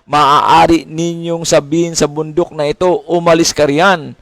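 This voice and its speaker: A man's voice: a little high, level tone, a little slow, a bit bright, no room sound. A middle-aged man preaching a sermon as a pastor, asking questions and mimicking complaints. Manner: preaching with rising questions and mimicked complaints, mixing English phrases.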